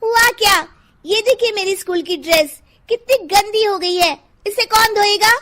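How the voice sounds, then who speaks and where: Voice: very high voice, lively intonation, measured pace, a bit bright, full character voice. A performer voicing a young schoolgirl daughter in a cartoon, whiny and demanding.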